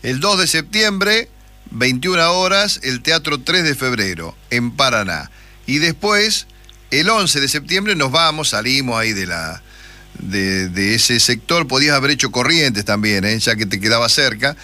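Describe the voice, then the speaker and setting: A man with a Rioplatense Spanish accent hosts a casual radio interview, chatting, joking, and reading out event dates. His mid-range voice is bright and forceful, with lively intonation and a slightly slow pace. No room sound can be heard.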